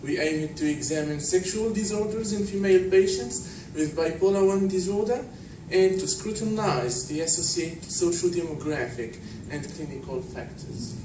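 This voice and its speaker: A man from Tunisia giving an academic conference talk, measured and explanatory with frequent fillers. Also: high-pitched. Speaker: conference speaker. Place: conference hall. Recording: distant, echoey hall with noise.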